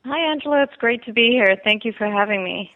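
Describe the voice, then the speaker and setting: A woman from the Bahamas, telling her personal story as an interview guest, earnest and halting with fillers and repeats, heard over a phone line. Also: on the high side.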